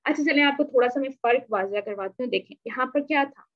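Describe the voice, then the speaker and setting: A woman's voice: sits high, fast talker. A woman teaching a recitation class, posing questions to her students and answering them herself, with English words mixed in. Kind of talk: online tajweed lesson. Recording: dull lo-fi recording.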